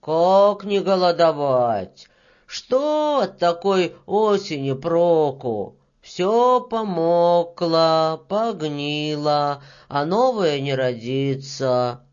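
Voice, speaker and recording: A woman's voice: low-pitched, animated, darkish tone, exaggerated voice. Woman doing a glum, drawling bearded peasant. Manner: slow, sighing, glum. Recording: dull lo-fi recording.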